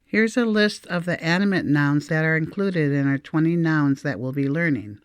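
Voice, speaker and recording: A woman teaching a recorded language lesson, saying each word slowly and repeating it for learners to copy. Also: sits low, smooth, no room sound.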